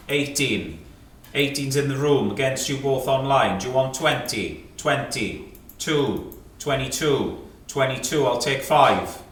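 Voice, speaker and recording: A man's voice: medium pitch, fairly bright tone. A British man working as an antiques auctioneer, calling lots and rising bids in clipped numbers with repeated prompts to the room. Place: indoor auction sale room. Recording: echoey sale room, distant microphone.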